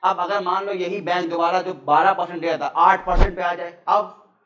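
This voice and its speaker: A man's voice: high voice, flat delivery, normal speed, fairly bright tone. A male teacher giving a classroom lecture in a conversational way, asking questions and calling his students "beta", with an Indian accent in English words. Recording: echoey classroom, distant mic, muffled.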